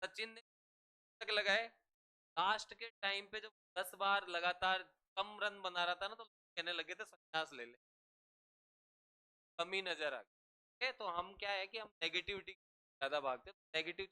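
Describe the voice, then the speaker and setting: A man teaches a classroom in an unhurried, measured way, his voice very bright and piercing. His diction is extremely crisp and clean. He keeps drilling the class with repeated questions and has them repeat after him. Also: sits high. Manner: drills students with repeated questions and call-and-response. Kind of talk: classroom lecture.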